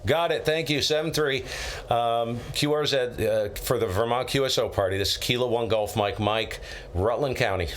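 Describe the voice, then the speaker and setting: Amid radio static, an amateur radio operator who's also live streaming works a contest, politely reading call signs phonetically and using procedural phrases. He speaks at a moderate pace in a medium-pitched voice.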